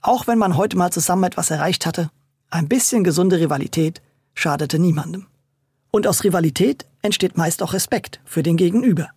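A storyteller reading a scripted children's story in a lively, playful way. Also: mid-range voice, a little fast, slightly rough, dry recording, studio quality.

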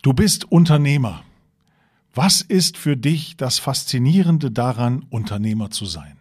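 A man hosting a podcast interview, asking clear, measured questions. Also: mid-range voice, lively intonation, a little mellow. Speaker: podcast host.

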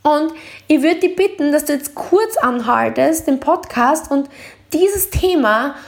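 A woman hosting a motivational coaching podcast, speaking earnestly and straight to the listener, and sometimes dramatizing worries in quick, heightened bursts. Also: sits high, expressive, vocal fry. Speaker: podcast host.

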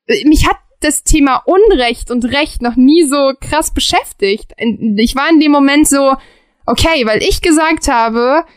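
A high-pitched woman, chatting animatedly on a podcast about games. She speaks in quick, emphatic bursts with frequent restarts. The sound is dry and close to the mic. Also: no echo. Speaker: podcast co-host. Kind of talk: casual chat about video games.

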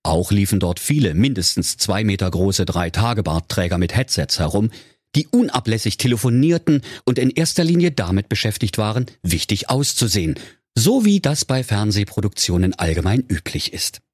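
Low husky guy telling a funny fairy tale, ironic, dry close sound. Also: sing-song, moderate pace, a little mellow, dry recording. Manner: ironic, playful. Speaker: storyteller. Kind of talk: comic fairy-tale narration.

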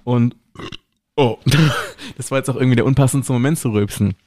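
Mellow-voiced man telling a rambling story. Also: mid-range voice, steady tone, moderate pace, no echo, clean studio sound. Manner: rambling storyteller, frequent "ne?" tags. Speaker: podcast guest, drag performer and DJ. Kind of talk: casual chat, personal storytelling.

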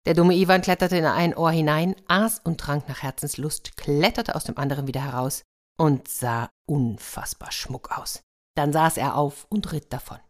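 A woman narrating a fairy tale for an audiobook in a lively way, speaking to her listeners. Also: deep voice, moderate pace. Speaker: storyteller.

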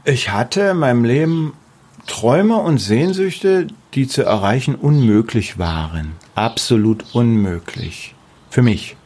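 A man's voice: mid-range voice, lively intonation, a little slow, darkish tone. A middle-aged man with a German accent, speaking casually and emphatically in an interview about the house he builds, often repeating words for stress. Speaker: artist building his house.

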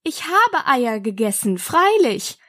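A woman's voice: on the high side, big pitch swings, slow pace, bright, forceful tone, exaggerated voice. A woman voicing an earnest, bewildered little girl in a storybook reading, protesting and earnest.

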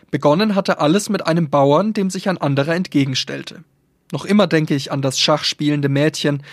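Man reader, calm measured literary reading, slightly high voice, dry close sound. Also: dry recording.

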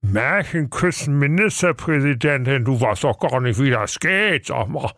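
A man's voice: mid-range voice, normal speed, a bit bright, dry recording, studio quality, voice pushed up, natural voice. A man voicing a good-natured, henpecked excavator driver who sounds exasperated in a comic audio fairy tale. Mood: weary. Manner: weary, exasperated, sing-song rhymes.

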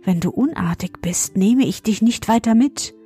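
A woman voicing a gentle, motherly queen of sleep in a storybook, speaking softly and calmly. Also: a little high, normal speed, husky, soft background music. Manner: soft, calm and warm scolding.

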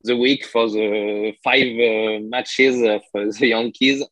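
A man from France with a French accent and French as his native language, telling stories in a casual interview, haltingly searching for English words as if translating in his head. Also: mid-range voice, steady tone, a bit bright, dry recording. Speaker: podcast guest and card collector.

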